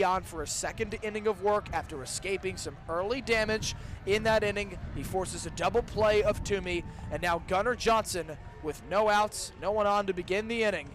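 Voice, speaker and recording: Broadcasting live from a booth with its window open, a young man in early adulthood gives radio play-by-play of a baseball game in a high-pitched, slightly bright voice. Background noise from the outdoor broadcast is audible.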